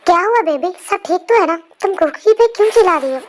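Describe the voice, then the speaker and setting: A young performer voicing a calm, easygoing father who speaks mildly in an amateur fan dub. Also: extremely high pitch, brisk.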